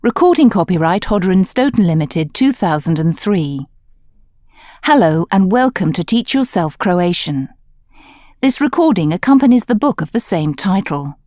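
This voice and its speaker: A woman giving scripted instructional narration for a language course, explaining in a clear, measured manner. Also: lowish voice, big pitch swings, warm tone, dry recording, studio quality.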